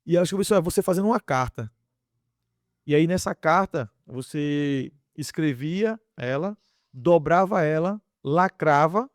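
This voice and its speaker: Man, animated storyteller, acts out dialogue, slightly high voice, dry sound. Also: moderate pace, no room sound. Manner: lively storytelling, acting out dialogue. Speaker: podcast guest. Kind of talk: casual testimony.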